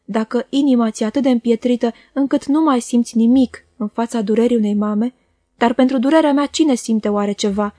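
A woman's voice: on the high side, warm tone, dry recording, studio quality, lightly acted. A woman reading an earnest grieving young man. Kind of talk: audiobook character voice.

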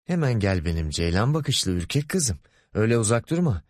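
A man's voice: fairly low pitch, big pitch swings, fairly quick, dry recording, clean studio sound, voice pushed up. A man voicing a pompous, lecherous middle-aged male boss in an audiobook, wheedling and bossy by turns. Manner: wheedling, grumbling, commanding.

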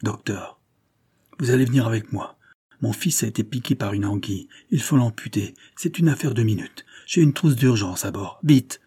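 A man voicing a gruff, mocking middle-aged ship skipper in a storybook reading, his voice raised higher and louder than his narration. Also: lively intonation, a little fast, no room sound. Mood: urgent. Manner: gruff, teasing, then urgent.

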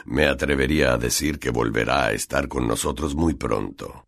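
A man voicing a cold, sly male teacher in an audiobook, speaking low and measured with a distant-sounding tone. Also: vocal fry, a bit bright, full character voice.

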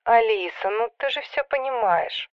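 A woman's voice: on the high side, expressive, normal speed, dry recording, highs cut off. Woman voicing a whiny, pleading sister. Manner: soft, coaxing and whiny. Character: anxious, pleading young woman, the heroine's sister. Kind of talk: audiobook character voice.

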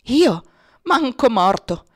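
A woman's voice: medium pitch, expressive, fast, natural voice. A woman voicing a huge, timid former cattle thief, pleading and reluctant.

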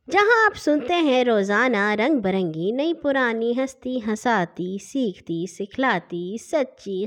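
Animated woman telling kids stories. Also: fairly high pitch. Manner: animated, expressive, warmly addressing children. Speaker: children's storyteller, host. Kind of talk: storytelling for children.

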